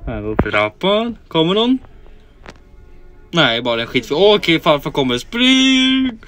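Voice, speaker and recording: A man's voice: fairly high pitch, sing-song, a bit bright, faint music behind. A man giving playful Let's Play commentary, narrating the character's thoughts in jokey asides. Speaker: game commentator.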